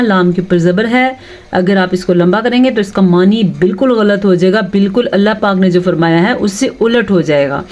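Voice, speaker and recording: A patient woman teacher explaining recitation rules in a calm, middle-pitched voice. She slows right down to stretch each recited word carefully, then goes back to plain explanation. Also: highs cut off. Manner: patient, repeats words slowly, drawn-out recitation of verses; asks the listener rhetorical check questions. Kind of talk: tajweed lesson, explaining and slowly reciting.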